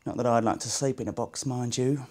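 A man's voice: mid-range voice, steady tone, a little fast, darkish tone, natural voice. An actor in his thirties playing a chatty, musing Cockney gangster in a dramatic monologue, wry and conversational. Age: 30s. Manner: conversational, musing, swinging between muttering and exclaiming.

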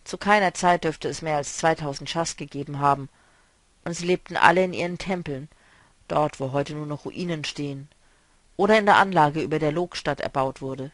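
A man's voice: fairly high pitch, moderate pace, fairly bright tone, no room sound, natural voice. A man voicing a brooding, weary wanderer. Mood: explaining. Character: weary, melancholy male wanderer, learned.

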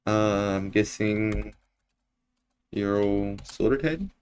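Slow-talking young New man streaming. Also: fairly low pitch, a little mellow, slight background noise. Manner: laid-back, chatty with viewers, lots of fillers. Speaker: Minecraft streamer. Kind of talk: casual live-stream gaming chat. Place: home room, indoors.

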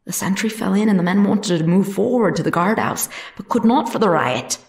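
With a mid-range, creaky, slightly mellow voice and lively intonation, a woman speaks a little fast while acting a devout, plain-spoken soldier's wife on the stand in a historical courtroom drama. She is firm and earnest, using formal period phrasing, recorded with roomy echo on a distant mic.

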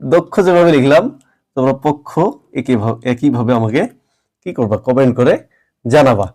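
A man's voice: mid-range voice, a little mellow. Male teacher, methodical, repeats key words for students. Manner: patient, explains step by step, repeats words slowly. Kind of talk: grammar lesson at a board.

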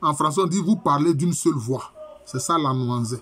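A middle-aged professor gives a university lecture. His voice is husky and sits fairly high for a man. He explains each term slowly and repeats key phrases. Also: a bit bright.

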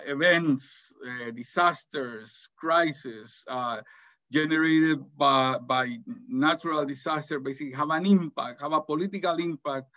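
The man, middle-aged and from El Salvador, runs and presents part of an academic webinar from his office over a video call. His fairly high-pitched voice is sharp, with no echo, and his delivery is hesitant and full of fillers and restarts on dull, dry audio.

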